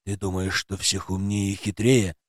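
A male audiobook reader voicing an angry, threatening male rescuer in a low, growling voice. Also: flat delivery, normal speed, no echo, clean studio sound. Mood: menacing. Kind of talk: audiobook character voice.

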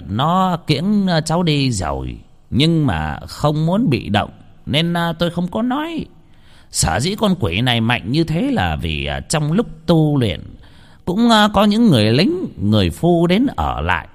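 A man doing a high, strained old village sorcerer. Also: full character voice. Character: old male village sorcerer, knowing and grave.

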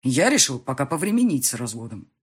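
A woman voicing a cold, jealous husband in an audiobook, curt and stern, in a husky tone. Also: a bass voice, sing-song, a little fast, heavily acted. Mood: flat, distant.

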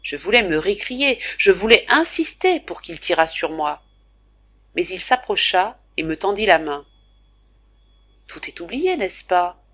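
A woman narrates a classic novel in a fairly low voice. Her reading is measured and expressive, with clear, steady storytelling. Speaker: audiobook narrator.

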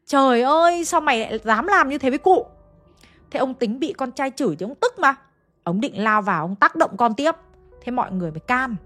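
A woman narrating a ghost story in a casual, chatty way, speaking directly to her listeners with folksy asides. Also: medium pitch.

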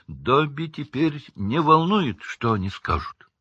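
A man voicing a timid, eager male house-elf who squeaks nervously and stammers, in a storybook reading. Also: animated, a little slow, fairly bright tone, dry recording, muffled recording. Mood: excited. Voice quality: high squeak, breathy. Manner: nervous, stammering, self-abasing.

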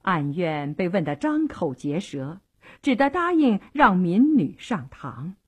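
A woman telling a traditional serial story for broadcast in an expressive, dramatic, deliberate way. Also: on the low side, breathy edge.

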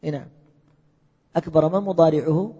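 A male teacher with a husky, mellow voice leads a classroom lesson, firing questions at his students and echoing their answers. The sound is muffled and lo-fi, with a long reverb from a large hall. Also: a little high, steady tone, brisk. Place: lecture hall.

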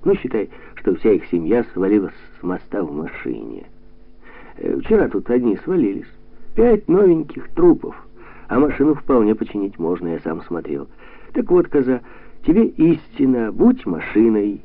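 A man's voice: wildly swooping pitch, normal speed, gravelly, husky, heavily acted. A man doing a jovial, mocking heavyset man. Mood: bantering. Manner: bantering, preachy, jumps up in pitch. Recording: tinny lo-fi radio sound.

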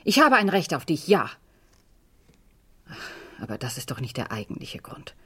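For a German radio crime drama, an actress plays a firm, possessive mother pleading with her resistant daughter. Her low, very animated voice is a bit bright and breathy, delivered at normal speed with heavy acting, insistent and controlled.

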